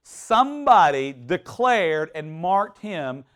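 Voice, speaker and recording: A man preaching a sermon in an animated, conversational way, with frequent restarts and bursts of mock shouting. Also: high-pitched, slow pace, clean tone. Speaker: pastor.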